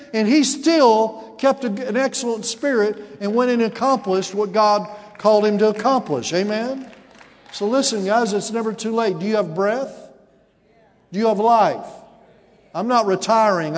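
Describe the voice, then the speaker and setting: This is a high-voiced man in his forties, a pastor preaching with call-and-response exchanges that rise to emphatic peaks. His voice trails off into a long reverb.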